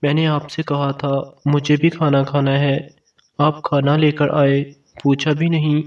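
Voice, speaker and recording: A soft-spoken, shy young bride from a storybook, as a male narrator reads her. The lines come quietly and hesitantly in a fairly high, level voice. The recording is dull and distant. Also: monotone, lightly acted. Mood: tearful. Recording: dull, distant mic sound.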